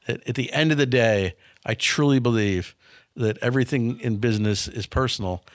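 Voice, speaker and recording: At normal speed and in a mid-range voice, a man in his 50s who owns a business answers interview questions frankly in a casual conversation. He hails from a small town near Milwaukee in the US and tends to repeat words as he begins sentences. The studio sound is clean, with no room sound.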